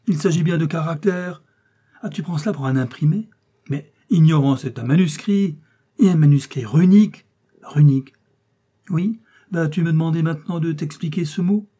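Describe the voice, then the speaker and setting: A man voicing an irascible, excitable old male professor in an audiobook, booming, lecturing and scornful. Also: moderate pace, slightly rough. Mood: indignant. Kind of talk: audiobook character reading.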